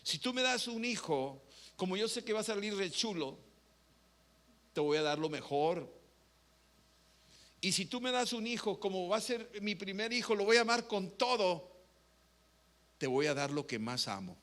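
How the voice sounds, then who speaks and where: A man's voice: high-pitched, very animated, normal speed, long pauses, fairly bright tone, pitched above the performer's own voice. A man voicing a young wife who begs God for a child, fervent and pleading.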